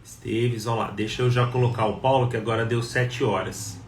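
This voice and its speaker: A chatty man hosts a live stream from home, greeting viewers one by one in a relaxed, casual way. He sits back from a wireless mic, so his voice sounds distant in a roomy space, with faint noise behind him. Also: medium pitch, normal speed. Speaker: live show host. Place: home, Ribeirão.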